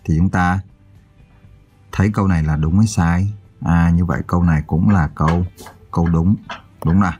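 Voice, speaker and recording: A man's voice: sits low, steady tone, normal speed, pauses often, darkish tone, husky, soft background music. A male teacher giving a primary school math lesson, counting aloud and asking his pupils check questions.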